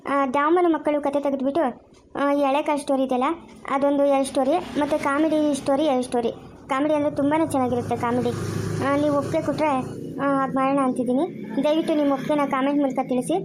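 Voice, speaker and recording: A woman's voice: high-pitched, steady tone, fast talker, background noise. A woman channel host with a rural Karnataka accent, chatting casually and asking viewers for comments. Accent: rural Karnataka Kannada.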